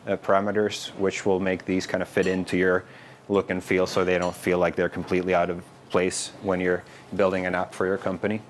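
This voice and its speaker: Finnish man giving a relaxed tech talk. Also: fairly low pitch, a little hiss or hum. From Finland. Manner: relaxed, informal, with frequent fillers and restarts. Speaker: developer advocate giving a meetup talk. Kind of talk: conference tech presentation. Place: meetup room with a live audience.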